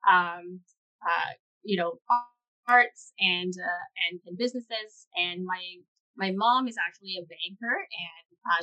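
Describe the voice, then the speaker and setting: A woman from Indonesia, an entrepreneur guest, answering interview questions in a relaxed way with many fillers. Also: mid-range voice, low-quality recording.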